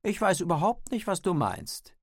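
A man's voice: sits high, big pitch swings, normal speed, slightly rough, dry recording, studio quality, pitched above the performer's own voice, full character voice. Julia, a man voicing a teasing teenage girl. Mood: mock innocent. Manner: mocking, playful taunts. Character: teasing cheeky teenage schoolgirl.

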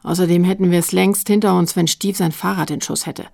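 An impatient teenage boy bosses his friends around in a storybook reading, as a woman puts him on. He hisses and snaps his commands in a low, slightly husky voice. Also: steady tone, fairly quick, a little mellow, no room sound, clean studio sound. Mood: bossy. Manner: impatient, hissing orders. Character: bossy teenage boy gang leader.

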